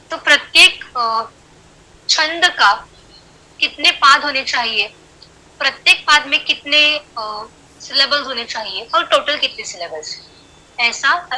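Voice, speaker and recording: A woman with a high, sharp-toned voice teaches a Sanskrit class online in a low-quality recording. She explains patiently and counts syllables aloud, switching between Hindi and English.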